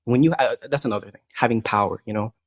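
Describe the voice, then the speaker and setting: Debating on a live stream, this young man, whose native tongue is Spanish, speaks fast at a medium pitch, blunt and rambling, full of fillers and false starts in a casual argumentative chat. The call audio is dry, dull, and lo-fi, with no room sound at all.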